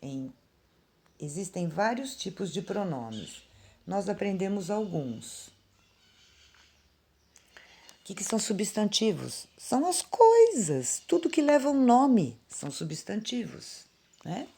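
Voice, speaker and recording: A woman teacher with a Brazilian Portuguese accent explaining grammar to children in a slow, patient way, recorded on a phone at home. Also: mid-range voice, big pitch swings, gravelly, mellow, husky. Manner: slow, patient and explanatory, calling out words aloud. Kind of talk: remote grammar lesson for children.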